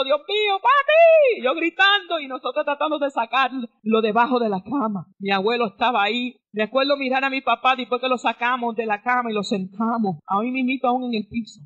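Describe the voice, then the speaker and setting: A woman's voice: a little high, fairly bright tone, muffled recording. A woman pastor giving a fervent radio testimony sermon, breaking into praises between her story.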